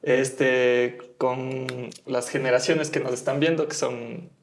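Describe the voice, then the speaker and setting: This is a man co-hosting a casual online interview. His voice sits at a middling pitch. He talks in a friendly way, and his questions ramble a little. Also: steady tone, takes it slowly, slight background noise. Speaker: co-host.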